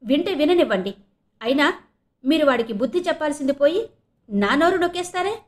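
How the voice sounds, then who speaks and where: A woman voicing an outraged middle-aged mother in an audio novel reading, shrill and dramatic. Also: moderate pace, natural voice. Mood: furious. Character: furious middle-aged mother shouting at her husband.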